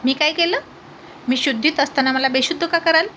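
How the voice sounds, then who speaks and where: A woman's voice: high voice, fairly quick, pushed and bright, a little hiss or hum, voice pushed up. A woman voicing a tipsy young wife who talks in a childish, pleading, petulant way in a storybook reading. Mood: drunk, whiny. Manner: sing-song, pleading, petulant. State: drunk. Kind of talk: storybook narration.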